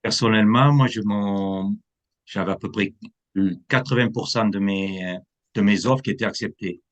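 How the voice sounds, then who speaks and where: Man, low voice, from France, real estate agent explaining the market, drops English terms. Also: moderate pace, muffled recording. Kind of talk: interview answers.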